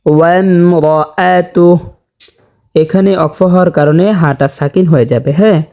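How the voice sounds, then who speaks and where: A man teaching correct Quran recitation, explaining each rule plainly and then reciting the words slowly and drawn out. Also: fairly high pitch, mellow. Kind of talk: slow step-by-step tajweed lesson with recited examples.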